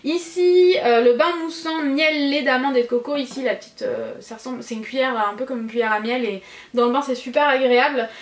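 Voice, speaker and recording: A woman with a high voice chats through a beauty haul, gushing over every box and filling gaps with little hesitations. She corrects herself often and keeps it casual. The room around her rings with echo. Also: fairly quick. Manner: chatty, gushing, many fillers and self-corrections. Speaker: beauty vlogger. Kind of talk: casual product review.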